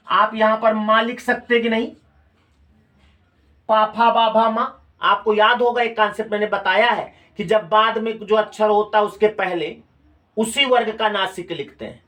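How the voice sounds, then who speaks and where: A male teacher speaks in a very high-pitched, sharp voice with a Hindi accent of Uttar Pradesh. During his classroom lecture he repeats key phrases and quizzes his students again and again.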